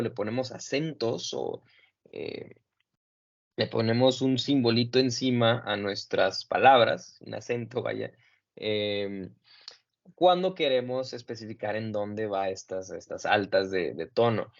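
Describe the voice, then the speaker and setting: A man's voice: lowish voice, vocal fry. Patient male English teacher, lo-fi call. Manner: patient, explains slowly in Spanish, models English words carefully. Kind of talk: online class correcting pronunciation.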